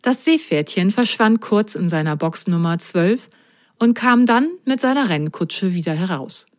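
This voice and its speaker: A woman narrating a children's storybook in a lively, expressive way. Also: medium pitch, unhurried, no echo, studio quality.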